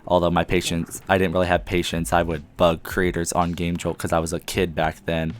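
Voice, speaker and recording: Deep-voiced young man hosting a podcast. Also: monotone, fairly quick, slight background noise. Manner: rambling, many ums. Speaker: podcast host. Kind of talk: casual chat. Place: friend's house at night. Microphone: one mic shared with a co-host.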